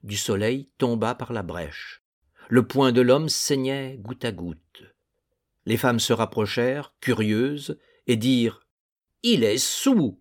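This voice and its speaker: A man narrating a literary novel in a measured, deliberate reading. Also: mid-range voice. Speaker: audiobook narrator.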